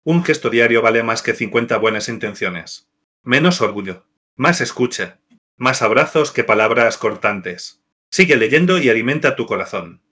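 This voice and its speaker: A man narrating scripted devotional marriage advice in an even, measured list-reading delivery. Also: mid-range voice.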